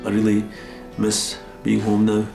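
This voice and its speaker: A man's voice: fairly low pitch, completely flat delivery, a little slow, gravelly, echoey room, over music, rough recording. A middle-aged Scottish man talking plainly and earnestly about his time away from home. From Scotland. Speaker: undercover newcomer looking for work. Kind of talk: casual chat and reflective talk.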